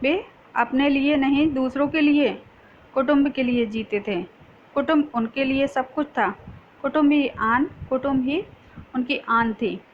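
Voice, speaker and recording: A woman reading the part of a patient older housewife in a gentle tone. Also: high-pitched, measured pace, a little hiss or hum. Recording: dull lo-fi recording.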